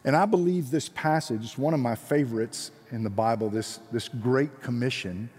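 A man with a Georgia Southern accent, mid-range and a little mellow at normal speed, preaches to students as a guest missionary speaker. Earnest, encouraging and plain-spoken, he reads scripture in an echoey hall with long reverb.

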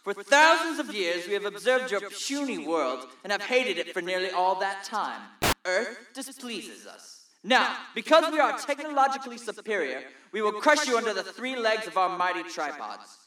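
A man's voice: high-pitched, very animated, moderate pace, pushed and bright, full character voice. A man voicing an angry, boastful Martian king who broadcasts grandiose threats to Earth. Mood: menacing. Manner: bellowing, grandiose. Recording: roomy, distant, noisy transmission.

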